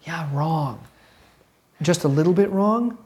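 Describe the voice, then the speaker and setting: A woman's voice: lowish voice, animated, slow pace, darkish tone. A middle-aged woman teaching a catechism class to children, asking questions and prompting answers patiently. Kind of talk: classroom Bible lesson with children.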